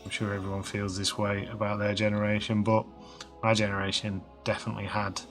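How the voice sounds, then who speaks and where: A man in his thirties, slightly hoarse, rambling casually with lots of fillers while commentating a video game. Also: lowish voice, monotone, a little fast, soft background music. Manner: rambling, chatty, many fillers and restarts. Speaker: game let's-play host.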